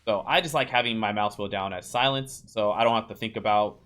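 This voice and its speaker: Speaking fairly quickly in a slightly bright voice on the low side, this game guide creator and streamer narrates a casual video game tutorial. He chats loosely with viewers, calling them "you guys" and filling his talk with ums, uhs and restarts.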